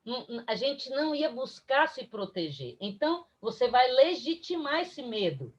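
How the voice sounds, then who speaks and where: A woman's voice: high-pitched, very animated, a little slow, muffled recording. A woman with a Brazilian accent giving a spiritist lecture online, incisive and direct with her listeners. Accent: Brazilian Portuguese. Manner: emphatic, direct, addresses audience.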